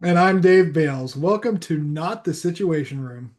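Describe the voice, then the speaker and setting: A man's voice: a little high, expressive, normal speed, a little mellow. A man co-hosting a security podcast in casual chat, chatty and prone to giggles and restarts. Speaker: podcast co-host.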